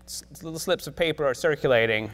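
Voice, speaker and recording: A man's voice: on the high side, quick pace, fairly bright tone. A man moderating a casual live interview on stage, asking questions conversationally. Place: stage before live audience. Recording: echoey hall, live event.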